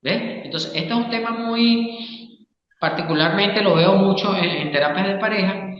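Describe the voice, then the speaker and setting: A man's voice: high voice, a little slow. Man, psychologist guest, explanatory, checks in with the listener, long hall reverb. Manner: teaching, checks in with the listener often. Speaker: psychologist and Gestalt therapist, interview guest. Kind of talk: explanatory interview talk. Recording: echoey room, long reverb, dull sound.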